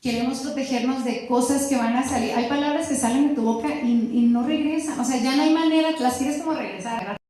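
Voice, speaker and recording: A middle-aged woman leads a church class on marriage, her voice sitting high for a woman. She talks in a lively, chatty way and acts out snippets of dialogue. The sound rings in a very echoey church hall. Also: a little fast, hardly any pauses. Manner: lively and conversational, with laughs and acted-out quotes. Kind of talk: church teaching talk. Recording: very echoey room.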